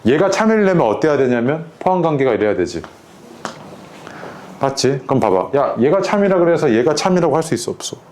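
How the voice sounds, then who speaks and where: Male math teacher, relaxed lecturing voice, keeps checking in with students, faint background hiss. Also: fairly high pitch, brisk.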